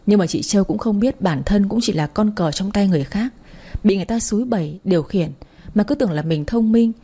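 Husky-voiced woman narrating a story. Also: mid-range voice, dark tone.

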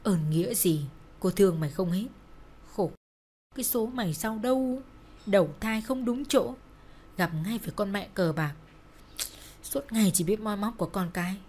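A woman's voice: mid-range voice, animated, normal speed, long pauses, natural voice. A woman voicing a kind, sympathetic older woman who runs a small eatery, in a storybook reading. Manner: warm, sympathetic. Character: kindly older woman restaurant owner.

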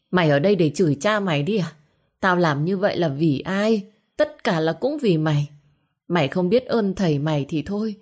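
Woman playing a wailing, cursing sick old man. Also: on the low side. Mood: furious. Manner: moaning, then shouting curses.

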